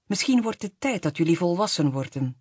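A reader voicing a sharp-tongued, bitter grown woman in an audiobook, in a husky voice. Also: medium pitch, very animated, brisk, no echo, studio quality. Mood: scolding. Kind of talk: audiobook reading.

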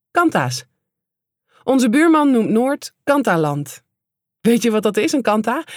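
Calm woman reading an audiobook. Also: medium pitch, no echo, clean studio sound. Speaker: audiobook reader. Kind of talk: audiobook narration.

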